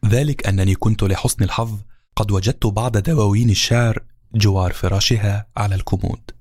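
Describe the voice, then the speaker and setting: A man narrating a novel in a calm, measured storytelling voice. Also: on the low side, no room sound, clean studio sound. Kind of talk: audiobook narration. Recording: narration over background music.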